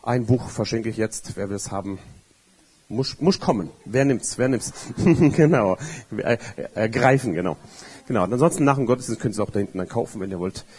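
A middle-aged man preaching a sermon with emphasis, repeating key phrases and swinging between loud and quiet. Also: lowish voice, expressive, fairly quick, a little hiss or hum.

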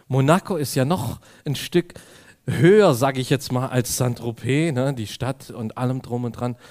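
A man's voice: mid-range voice, normal speed. A man preaching a sermon, telling a personal anecdote to his audience and acting out the dialogue in it. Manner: animated storytelling, acts out dialogue; addresses audience directly.

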